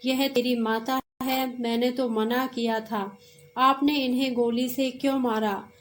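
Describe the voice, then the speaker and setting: A woman voicing a frightened, grieving young boy in a read-aloud story, speaking slowly in a high voice. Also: flat delivery, slight background noise, lightly acted. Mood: pleading.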